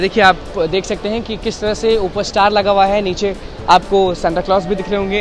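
A young man reporting vox-pop style in a large indoor shopping mall, talking upbeat with a handheld mic. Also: sits high. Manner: upbeat, repetitive presenter talk. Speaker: street reporter.

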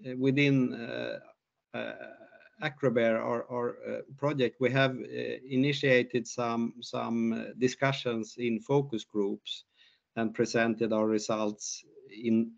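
Older guy on a zoom call, gravelly, halting with lots of uhs, muffled audio. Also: mid-range voice. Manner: hesitant, many fillers and restarts. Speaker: researcher presenting a study. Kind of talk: online conference talk and Q&A. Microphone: laptop mic on video call.

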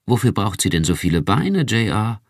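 A cool young female android speaks in a detached, quizzical way, her voice lifted a little above a low male register, as a man reading the audiobook puts her on. The recording is dry. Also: big pitch swings, normal speed, no room sound.

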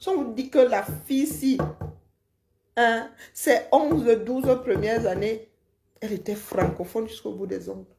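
Woman, mocking lecturing rant, gravelly fry, roomy echo. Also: a little high, steady tone, measured pace, a little mellow. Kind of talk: casual live rant.

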